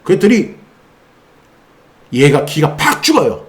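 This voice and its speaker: A middle-aged male pastor delivering a lively sermon, his pitch sitting a little high and swinging widely as he preaches. He drops into short acted-out exchanges with quoted voices along the way. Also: measured pace.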